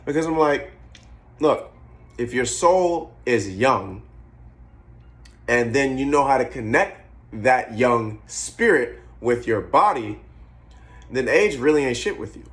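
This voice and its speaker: Young guy in his 20s vlogging, rambly, swears a lot, just thinking out loud. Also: medium pitch, expressive, slow, pauses often. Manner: rambling, profane, musing aloud; eating while talking. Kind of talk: casual monologue to camera.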